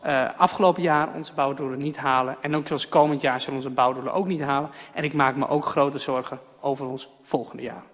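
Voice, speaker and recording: A man's voice: medium pitch, steady tone, a little fast, hardly any pauses, a bit bright. A man council member steadily reading through prepared points of a speech. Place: council chamber. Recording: long reverb in a council chamber.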